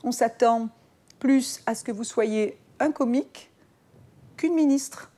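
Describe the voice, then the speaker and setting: A woman's voice: fairly high pitch, slow pace, mellow. Woman with a Marseille accent. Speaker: former minister. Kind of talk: interview.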